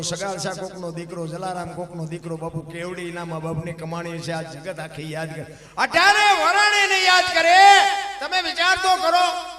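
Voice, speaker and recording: Man, satsang sermon storyteller, fervent, very high bright voice, echoey hall. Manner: fervent, swelling into loud emphatic cries. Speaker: devotional storyteller. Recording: echoey hall with long reverb.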